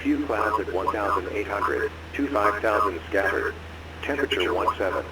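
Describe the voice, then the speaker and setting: A man's voice on a recorded airport weather broadcast, heard over aircraft radio, reading numbers and runway notices in an even, deliberate way. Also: fairly low pitch. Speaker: automated airport information broadcast. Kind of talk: measured, formulaic weather readout. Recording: echoey, very noisy radio channel.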